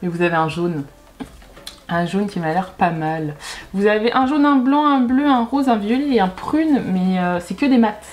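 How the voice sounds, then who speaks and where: A woman's voice: mid-range voice, expressive, moderate pace, darkish tone. Chatty rambling woman vlogger. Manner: chatty and rambling, often hesitating and correcting herself. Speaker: beauty YouTuber. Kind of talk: casual unboxing vlog.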